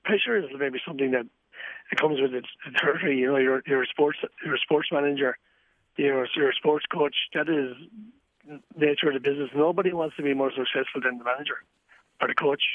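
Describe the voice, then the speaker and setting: A man's voice: mid-range voice, a little fast, no room sound. A man with a Wexford Irish accent giving a candid, earnest, reflective interview as a sports coach, repeating phrases for emphasis. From County Wexford, Ireland. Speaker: amateur boxing coach, interviewee. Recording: thin phone-like radio line.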